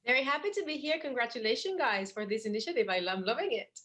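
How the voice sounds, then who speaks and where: A woman's voice: a little high, expressive, fast talker, fairly bright tone. Woman, young, guest on a podcast, eager, trips over her first words, talking from home. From Puerto Rico. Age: young adult. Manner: enthusiastic, repeats words when starting a thought. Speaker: guest, financial educator. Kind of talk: casual interview talk.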